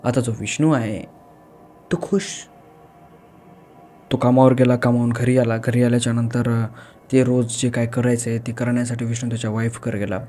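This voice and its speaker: A man's voice: mid-range voice, little pitch movement, moderate pace, pauses often, dark tone, faint music behind. A man narrating a horror story in a conversational way, often speaking straight to the listener. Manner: conversational, addresses the listener directly.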